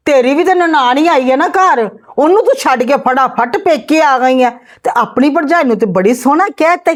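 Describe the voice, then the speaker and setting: A woman's voice: high-pitched, close to an everyday voice. A woman playing an overworked daughter-in-law who lectures and complains at her husband's sister in a family skit. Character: overworked, fed-up young wife arguing with her in-laws.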